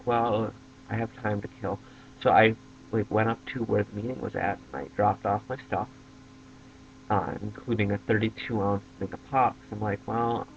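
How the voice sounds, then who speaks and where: A young man chats to his camera, telling a funny story with animated, excited spikes in his voice. His voice sits a little low. The dull lo-fi recording carries a faint hiss behind him. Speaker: vlogger. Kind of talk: casual storytelling vlog. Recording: dull lo-fi webcam audio.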